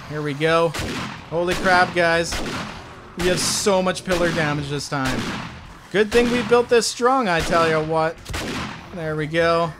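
A man with a high, keyed-up voice gives excited commentary over a video game. He keeps exclaiming and talks straight to his viewers. Loud gunfire and game noise run clearly under his voice. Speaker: gaming video host.

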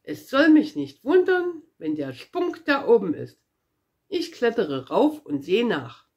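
A woman's voice: fairly high pitch, big pitch swings, slow, darkish tone, exaggerated voice. A woman voicing a cheeky, boastful little red-haired girl in a read-aloud storybook, chatty and eager.

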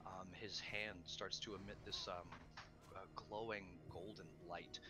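A man's voice: sits low, level tone, unhurried, over music. A man running a tabletop game as game master, narrating casually with many ums and the odd swear.

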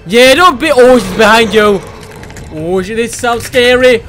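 A very high-pitched man reacting loudly to a video game, cursing and exclaiming as he plays, with slow, drawn-out delivery. Loud game music and effects play behind him. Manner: excitable, exclamatory, frequent swearing. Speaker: let's play gamer. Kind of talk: live gameplay commentary.

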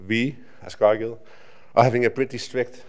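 A man's voice: mid-range voice, steady tone, normal speed. Middle-aged man, from the Netherlands, native Dutch, conference speaker, lectern microphone, conversational with restarts. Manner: conversational, with frequent restarts and filler "right?". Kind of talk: conference talk. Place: conference hall stage at a lectern.

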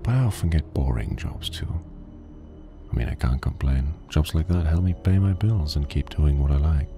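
A grim, gravel-voiced private detective. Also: male voice, expressive, moderate pace. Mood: brooding. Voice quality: very deep, gravelly. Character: weary middle-aged male private detective, grim. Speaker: game narrator. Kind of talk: scripted noir narration. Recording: game audio under loud music. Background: game music.

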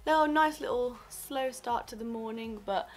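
Her voice sits a little high and moves at normal speed, still slightly croaky, as this woman in her twenties chats upbeat and laughing through a casual vlog. A drama student, she films herself indoors at arm's length in her small student flat's bedroom and kitchen, using the camera's own mic.

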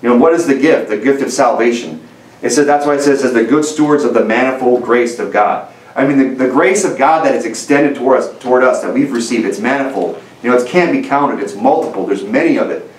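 In a medium-sized church sanctuary, a man in his thirties preaches earnestly and conversationally at a lectern, gesturing with both hands and frequently restarting with "you know"s. His voice is medium in pitch and a little fast, and the distant recording sounds roomy.

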